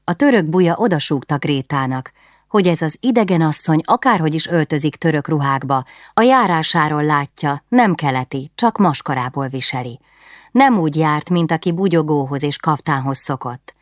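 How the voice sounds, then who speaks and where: Low-voiced woman narrating calmly. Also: no room sound, clean studio sound. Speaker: audiobook narrator. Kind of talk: scripted narration of a historical novel.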